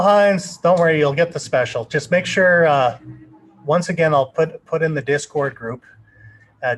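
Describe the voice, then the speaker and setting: A man's voice: medium pitch, rough recording. A man hosting a live trading webinar, answering viewer questions in a loose, rambling way with many fillers and restarts. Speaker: trading educator presenting a webinar.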